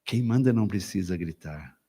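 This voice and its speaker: A Brazilian man preaching to couples at a church retreat, telling stories with acted quotes and sudden loud bursts. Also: deep voice, lively intonation, moderate pace, husky. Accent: Brazilian Portuguese. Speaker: pastor. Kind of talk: lively sermon at a couples' retreat. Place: church hall. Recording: reverberant church hall.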